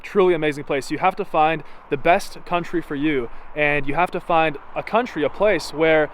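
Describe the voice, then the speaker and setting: A man's voice: fairly high pitch, moderate pace, slight background noise. A young man from Latvia giving a motivational vlog, walking through his new house as he talks, with lots of fillers and repeated phrases. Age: young adult. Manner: energetic, repetitive, filler-heavy pep talk. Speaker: entrepreneur vlogger.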